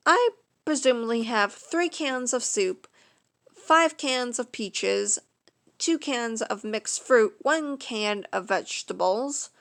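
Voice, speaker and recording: A woman narrating a first-person fan story in a casual, unpolished way, with fillers and cleared throat. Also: on the high side, a bit bright.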